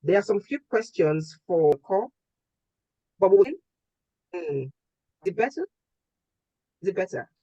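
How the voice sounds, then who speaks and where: A moderator speaks over a video call that keeps glitching, the voice breaking up and dropping out mid-word. The audio is dull, lo-fi and dry with no room around it. They talk haltingly, repeating words while checking whether the connection has come back. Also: mid-range voice, very animated, warm tone, no echo. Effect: voice breaking up and cutting out on a glitchy call connection. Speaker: panel moderator. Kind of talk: online panel discussion.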